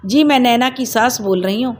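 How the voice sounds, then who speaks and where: A woman's voice: a little high, moderate pace, darkish tone, a little hiss or hum, natural voice. Woman reading a cold, scheming mother-in-law. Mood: curt demanding.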